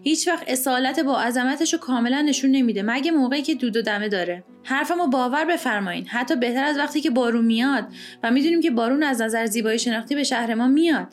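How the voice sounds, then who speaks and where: A woman's voice: high voice, soft background music, close to an everyday voice. A woman voicing a genial male accountant who speaks lyrically and enthusiastically about smog, in an audiobook reading. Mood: rapturous.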